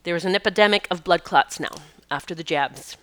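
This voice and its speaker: A woman's voice: fairly low pitch, brisk, fairly bright tone. A woman hosting a show, telling a personal story in an earnest, emotional way, with restarts and laughs as she goes. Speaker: podcast host.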